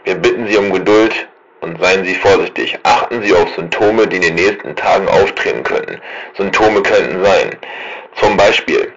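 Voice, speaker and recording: A man voicing a stern male police emergency announcer who reads a formal warning, as if over a loudspeaker. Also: sits low, normal speed, breathy edge, dull audio, exaggerated voice. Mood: stern official.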